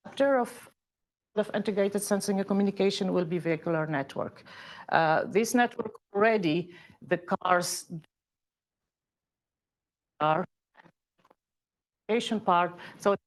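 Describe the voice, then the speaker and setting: A middle-aged woman from Tunisia, an associate professor giving an academic seminar talk in a conversational way, pausing often with fillers. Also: mid-range voice.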